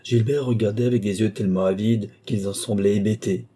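A man narrating an audiobook in a steady, measured reading. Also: fairly low pitch, husky.

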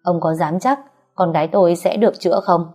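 A woman's voice: lowish voice, fairly quick, mellow, faint music behind, lightly acted. A woman voicing a worried middle-aged father who talks firmly and reassuringly to his wife. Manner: firm, reassuring. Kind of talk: audiobook character reading.

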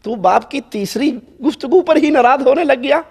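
A man preaching a sermon, telling stories and then building to loud, passionate appeals. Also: very high-pitched. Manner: impassioned, moving from storytelling to shouting appeals.

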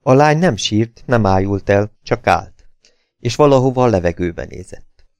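A man narrates an audiobook with a low voice, reading in a measured, even way. The recording is close and dry, with no room sound. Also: clean tone, no echo.

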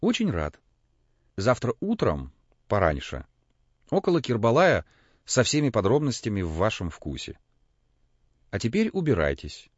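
A man voicing a calm, contemptuous male zoologist who speaks in a cool, measured way. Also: fairly low pitch, no room sound, exaggerated voice. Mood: cold calm. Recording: dull, dry lo-fi recording.

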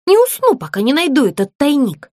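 A woman's voice: sits high, huge pitch swings, brisk, darkish tone, dry recording, studio quality, pitched above the performer's own voice. Woman doing an earnest little girl doll.

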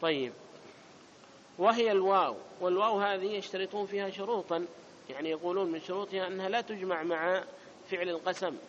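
A man's voice: sits high, fairly even intonation, fast talker, muffled recording, a little hiss or hum. A man teaching an Arabic grammar class, who repeats each point and keeps asking whether students follow. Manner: repeats points and checks understanding. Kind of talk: classroom lesson.

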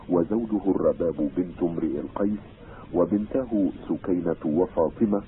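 A man reading a scripted narration in a formal, measured, literary manner. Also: low voice. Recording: tinny old radio broadcast, faint hiss.

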